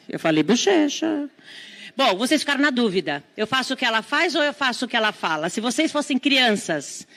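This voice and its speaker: A middle-aged Brazilian woman giving a live lecture on parenting, lively and drawing the audience in with questions. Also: mid-range voice. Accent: Brazilian Portuguese. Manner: lively, engages the audience with questions and quick asides.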